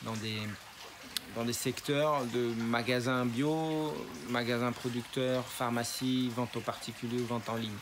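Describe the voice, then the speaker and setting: A man who grows spirulina explains his process step by step, patiently, for an interviewer, against a noisy ambient background. He speaks at a measured pace in a mid-range voice with little pitch movement.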